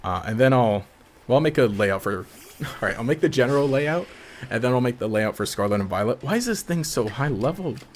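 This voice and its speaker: A man's voice: medium pitch, expressive, a little fast, a little hiss or hum. A man casually commenting on his own gameplay during a live stream, rambling, laughing often and trailing off mid-sentence.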